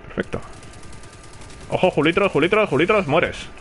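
At a moderate pace and in a high voice, a Spanish-accented man from Spain streams himself playing, talking chattily, voicing reactions and calling to teammates. A little hiss or hum sits under the audio.

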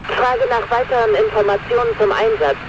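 A man's high voice comes through a walkie-talkie, dull and narrow as radio audio tends to be. He is a firefighter calling dispatch in brief, clipped protocol phrases. Heavy, loud noise surrounds the transmission. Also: steady tone, normal speed. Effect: over a walkie-talkie radio.

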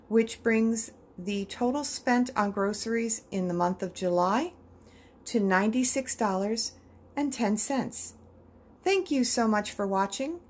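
A woman narrating a budget grocery vlog in voice-over, calmly listing each item and its price. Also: on the high side, breathy edge. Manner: calm, list-like item-by-item rundown of prices.

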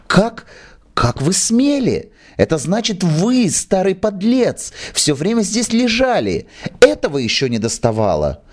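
A man voicing an indignant young actress who shouts in outrage, in a storybook reading. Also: huge pitch swings, unhurried, exaggerated voice. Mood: outraged. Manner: shrill, outraged outbursts.

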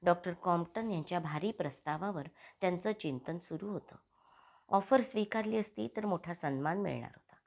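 A woman narrating an audiobook in a measured, devout storytelling manner. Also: lowish voice, creaky, darkish tone. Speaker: audiobook reader. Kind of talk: scripted narration.

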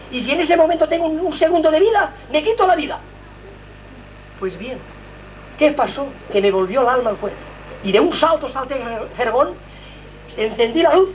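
A man's voice: very high-pitched, slight background noise, poor audio. An older man from Valencia, Spain, giving a fervent religious testimony and telling his listeners the story with drama. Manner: dramatic, impassioned storyteller who addresses listeners directly.

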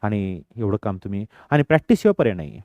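Man, English lesson, lively pitch, mellow dry voice. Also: very fast, dry recording, lo-fi sound. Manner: lively, mixes English phrases into Marathi. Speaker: English teacher.

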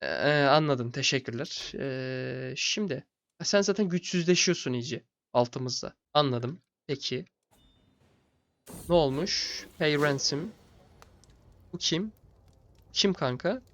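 A young man giving casual, low-key commentary on a strategy game late at night, sounding tired and chatting to the game's characters like buddies. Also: animated, slow, long pauses, fairly bright tone. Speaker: gaming channel host.

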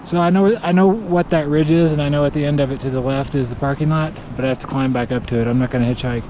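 Alone on a backcountry ski trip in a snowy mountain forest, a man films himself and thinks aloud to the camera about his situation. His voice is a little high, steady in tone and quick, and he sounds hesitant and self-critical, with the odd nervous laugh. Wind and camera noise come through on the recording.

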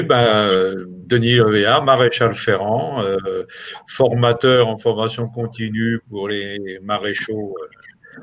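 Slow, halting man on a muffled call. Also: fairly low pitch, a bit bright. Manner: slow and halting, many fillers. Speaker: farrier and trainer.

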